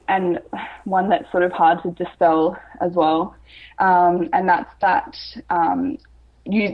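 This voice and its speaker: A woman explaining grammar myths in casual chat, her voice muffled as if heard through a wall, hesitant with lots of ums and restarts. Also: on the low side. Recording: dull, muffled mic sound.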